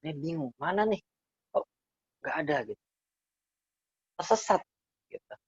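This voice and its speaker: A man gives a conversational Quran lesson and unpacks Arabic verses line by line, often repeating himself for emphasis. His voice is somewhat husky and sits dry and close. The recording is slightly dull and lo-fi. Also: fairly high pitch, normal speed, no echo. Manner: explains Arabic verses phrase by phrase, repeating key words; addresses listeners as friends, relaxed and conversational. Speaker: Islamic teacher. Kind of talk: casual Quran study talk.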